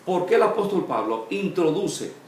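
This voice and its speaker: A pastor leads a Bible study sermon in short phrases, pausing and saying "eh," each phrase fading low and soft. His pitch swings widely, the room echoes, and there's a faint hiss or hum.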